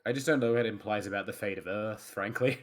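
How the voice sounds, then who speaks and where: A man's voice: lowish voice, fast talker. A young Australian man chatting casually on a voice call, telling wry stories with frequent laughs. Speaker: player. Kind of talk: casual chat.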